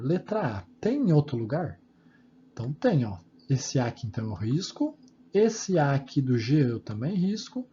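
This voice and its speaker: A Brazilian preschool teacher, a man, walks small children through their homework step by step. His voice is mellow and rises and falls in a lively, sing-song way. The recording is dull and lo-fi, with a faint hum underneath. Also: a little high. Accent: Brazilian Portuguese. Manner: patient, slow and sing-song, spelling out steps for small kids. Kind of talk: explaining homework to young children.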